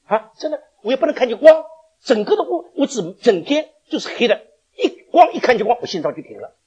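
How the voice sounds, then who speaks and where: A man's voice: very high-pitched, sing-song, brisk, a little mellow, slightly rough. A man preaching a sermon, telling stories in a chatty way with laughs and stammered restarts.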